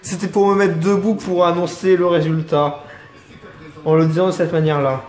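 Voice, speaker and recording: A young man filming himself at home on a tripod, reacting excitedly to a TV show and thinking aloud with restarts. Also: high voice, moderate pace, echoey room. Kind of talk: casual reaction commentary. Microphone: camera mic on tripod.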